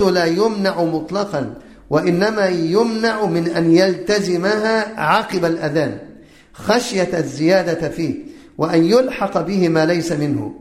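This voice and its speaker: A man's voice: fairly high pitch, darkish tone, reverberant. A man giving a religious lesson, drilling listeners with repeated questions and chanting the examples himself. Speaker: religious teacher. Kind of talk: religious lesson on the call to prayer.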